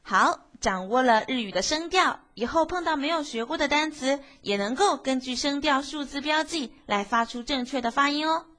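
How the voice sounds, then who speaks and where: Woman teacher explaining step by step, high bright voice, keeps asking the class questions. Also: moderate pace, hardly any pauses. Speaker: Japanese teacher. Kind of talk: language lesson narration.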